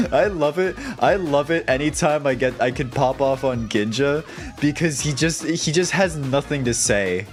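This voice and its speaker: A man's voice: on the high side, normal speed, faint music behind. A young American man chatting casually on a stream, rambling and swearing, with many stammered restarts as he rants. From United States.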